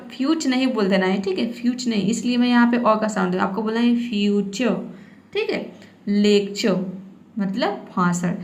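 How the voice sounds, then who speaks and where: A woman teaching English pronunciation in Hindi, explaining rules patiently and repeating each word. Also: fairly high pitch. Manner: patient, repeats words and checks with "theek hai".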